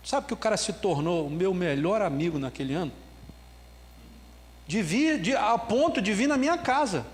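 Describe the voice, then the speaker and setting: A man preaching a sermon as pastor, telling a story in an animated way with bits of laughter. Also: sits high, long reverb tail. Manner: ends with a slow spoken prayer.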